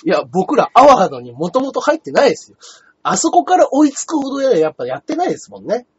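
A man co-hosting a casual comedy chat stream, animated and reading viewer comments aloud. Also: very high-pitched, quick pace, breathy edge. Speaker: radio and stream co-host. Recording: dull lo-fi stream audio.

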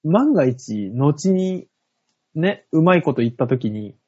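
A man's voice: fairly high pitch, very animated, slow pace, dark tone, slightly rough. A man co-hosting a chat show, mostly chiming in with short agreements and dry quips. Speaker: co-host. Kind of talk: casual chat, backchanneling. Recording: dull, dry studio sound.

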